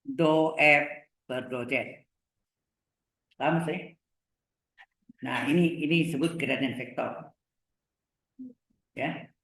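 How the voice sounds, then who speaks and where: A middle-aged man lecturing on engineering mathematics, talking slowly, repeating terms and checking that the class follows. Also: a little high, fairly bright tone. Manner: slow, repeats terms, asks checking questions. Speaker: university lecturer. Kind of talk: live lecture on vector calculus. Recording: echoey room.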